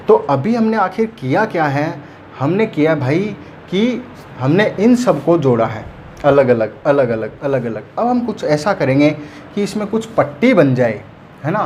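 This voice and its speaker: A man's voice: a little high, darkish tone, slight background noise. A man teaching a math lesson, counting aloud patiently and checking often that his students follow.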